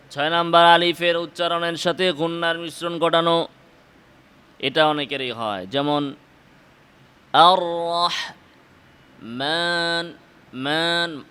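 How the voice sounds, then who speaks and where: A man with a Bangladeshi Bengali accent teaching Quran pronunciation, explaining in quick bursts and then chanting the example words slowly and drawn out. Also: fairly high pitch, sharp tone, clear, resonant tone.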